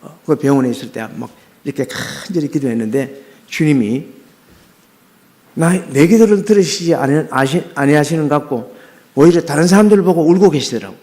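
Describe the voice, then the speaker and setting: A man's voice: a little high, lively intonation, brisk, mellow. A middle-aged man, a pastor, preaching a sermon as personal testimony, talking earnestly with many fillers and restarts.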